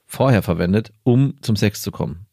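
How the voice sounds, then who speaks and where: A man with a fairly low voice chatting casually on a podcast. He speaks candidly and laughs often as he goes. The sound is dry and close, with no room around it. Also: normal speed, creaky, darkish tone, no echo. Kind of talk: casual chat.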